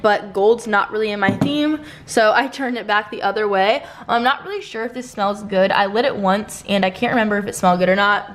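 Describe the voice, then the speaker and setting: A woman's voice: mid-range voice, slight background noise. A young woman vlogger giving a casual home tour, chatty and upbeat, full of "like" and "you know", with a slight lisp.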